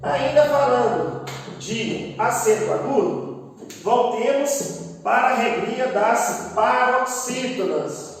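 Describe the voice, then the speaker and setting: A man teaching a grammar lesson in a lively, encouraging way that often checks in with the listeners. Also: very high-pitched, slow pace, vocal fry, faint music behind. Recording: echoey room, distant mic.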